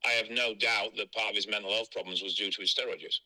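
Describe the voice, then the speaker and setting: A man's voice: lowish voice, fairly even intonation, quick pace, sharp tone. A man speaking bluntly and frankly as an interviewee, heard over a phone line. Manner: blunt, frank and matter-of-fact.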